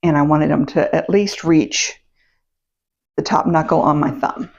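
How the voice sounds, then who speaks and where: A woman's voice: low voice, unhurried, a little mellow, slight background noise. Chatty woman with a morning voice. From United States. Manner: chatty and meandering, with fillers and self-corrections. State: morning voice, slightly rough. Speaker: vlog host. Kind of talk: casual chat to camera. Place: home, indoors. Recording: dull, muffled sound.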